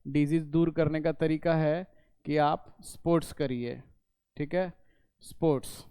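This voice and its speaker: A man's voice: a little high, dark tone, clean tone, no room sound. Man teaching step by step. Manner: repetitive, explains step by step, asks and answers own questions. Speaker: English teacher. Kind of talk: classroom lesson explaining in Hindi.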